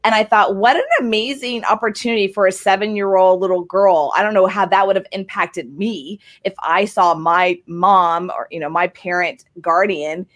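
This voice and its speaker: An upbeat woman hosts a casual interview over a video call. Her voice sits in a middle pitch, and she talks in long, quick, encouraging runs. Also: steady tone. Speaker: podcast host.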